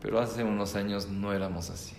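A man's voice: lowish voice, fairly even intonation, brisk, creaky, a little hiss or hum. A man telling a story to an audience of mothers, repeating words for emphasis and acting out the characters' voices. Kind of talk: storytelling talk. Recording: echoey room, faint ambience.

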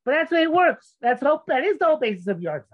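This man's voice is very high, and he talks rapid-fire and very animatedly in a conversational religious debate. Insistent and argumentative, he keeps stammering and starting over, all through a narrow, muffled, phone-like sound.

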